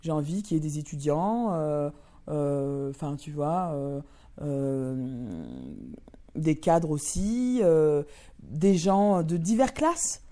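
A woman actress speaks bluntly in an interview, often stopping on fillers. Her voice is very low and dark. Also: slow. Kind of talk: candid interview testimony.

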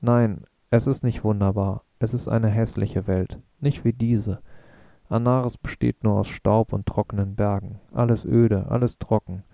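A man voicing a grave, earnest young man from the moon, with a low, gravelly, very dark voice. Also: steady tone, a little slow, no echo. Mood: bitter, impassioned.

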